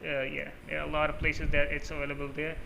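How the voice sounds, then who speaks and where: A mobile gaming channel host, a man whose first language is Urdu, rambles through a casual, off-the-cuff settings walkthrough over a screen recording, with lots of filler sounds. His voice is fairly high, gravelly and sharp, delivered completely flat at a quick pace. The rough recording carries a little hiss or hum.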